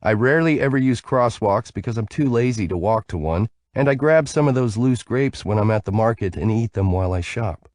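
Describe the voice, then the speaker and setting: A man's voice: lowish voice, animated, brisk, hardly any pauses, darkish tone, no echo, studio quality, pitched above the performer's own voice, close to an everyday voice. A man reading an audiobook, voicing a sleepy, bubbly young woman who rambles playfully on the phone.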